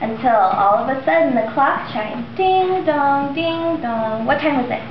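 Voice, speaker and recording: A young woman working as a children's party princess entertainer leads small children through a fairy tale in a high, sweet, sing-song voice, bright and lively yet measured in pace. The camera audio is dull, roomy and muffled, with the party's small children clearly audible in the background.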